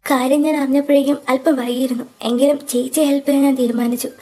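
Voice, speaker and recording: A woman playing a tearful young college woman, a loyal younger sister, who speaks softly and hesitantly in a fan audio drama. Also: sits high, little pitch movement, fast, close to an everyday voice. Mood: grave telling.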